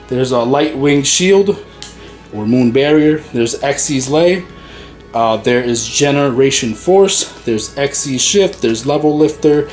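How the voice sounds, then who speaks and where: A man's voice: mid-range voice, a little mellow. A man hosting a card game channel, giving a rambling, easygoing walk through his deck with many fillers and a little out of breath. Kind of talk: casual deck walkthrough.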